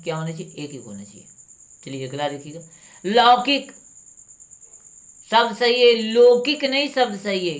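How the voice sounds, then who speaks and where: A woman teacher runs a spelling lesson for exam students, reading each word aloud and then correcting it with a question. Her voice is on the low side and a bit bright.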